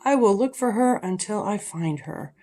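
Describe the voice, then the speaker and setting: A woman's voice: medium pitch, animated, normal speed, warm tone, lightly acted. Older woman as earnest little husband bird. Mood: determined. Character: cheerful, agreeable male storybook bird husband.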